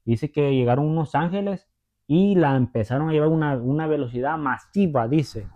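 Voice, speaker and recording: A man's voice: a little high, moderate pace. Preacher guy teaching the bible casually, keeps asking if you follow, sounds like a tinny phone line. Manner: chatty, checks in with tag questions; retells stories, acting out the voices.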